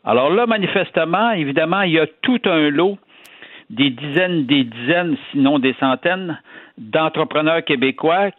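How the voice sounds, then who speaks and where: A man's voice: on the high side, animated, moderate pace, no room sound. A male columnist with a Quebec French accent giving colloquial, conversational commentary, repeating words for emphasis over a narrow phone-like line. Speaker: financial columnist and radio contributor.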